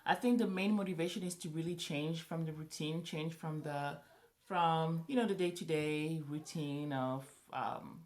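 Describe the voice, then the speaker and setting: A woman's voice: deep voice, a little slow, darkish tone. A woman in her thirties, raised in Morocco and a native French speaker, chatting casually to camera as a vlogger and thinking aloud with restarts.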